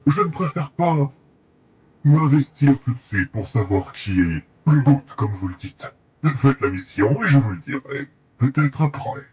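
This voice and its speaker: A man playing a formal mission commander in a roleplay game who speaks slowly and gives orders. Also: medium pitch, lively intonation, a little mellow, highs cut off, a little hiss or hum, close to an everyday voice. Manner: slow, formal, addresses the team as vous.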